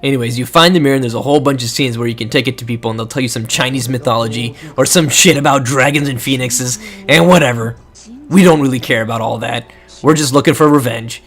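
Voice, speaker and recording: A man's voice: mid-range voice, quick pace, a bit bright. A young man giving a crude, sarcastic comedic recap of a video game with laughing asides.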